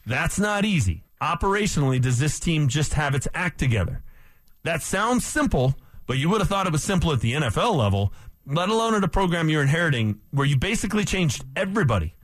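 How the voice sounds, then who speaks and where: A man co-hosting a sports talk show, arguing his points with emphatic, skeptical energy. His voice sits a little high and moves through a wide, animated range. The studio sound is close and dry. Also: brisk, no room sound. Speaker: sports radio co-host. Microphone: studio microphone.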